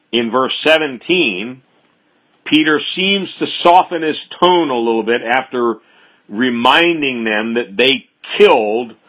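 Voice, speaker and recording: A man's voice: mid-range voice, a bit bright. A man preaching an expository sermon, reading scripture aloud with bold, emphatic stress.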